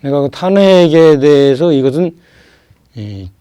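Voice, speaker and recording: A man's voice: a little high, expressive, mellow, clean tone, no echo. A man of about sixty, a guest on a political talk show, speaking emphatically and asking rhetorical questions. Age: around 60. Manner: emphatic, asks rhetorical questions, drawn-out pauses.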